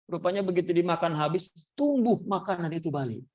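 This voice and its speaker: Lively man preaching. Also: a little fast, dull audio. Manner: lively storyteller acting out quoted voices with big pitch jumps. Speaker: religious teacher. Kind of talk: sermon storytelling.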